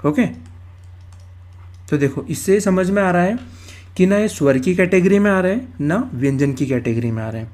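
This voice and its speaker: A man with a fairly high voice teaches grammar in a recorded exam-prep lecture. He moves step by step, says each key term more than once, and poses questions that he then answers himself. He talks close to the microphone. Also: animated, normal speed, pauses often, darkish tone. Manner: explains step by step, repeats terms, asks and answers his own questions.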